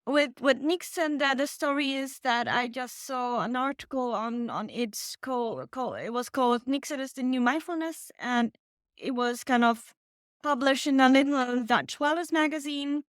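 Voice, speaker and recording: A woman's voice: high-pitched, smooth, no room sound, studio quality. A woman in her thirties from Poland, a native Polish speaker, answering interview questions with frequent restarts. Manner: halting, many restarts. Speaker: author guest. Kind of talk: casual interview.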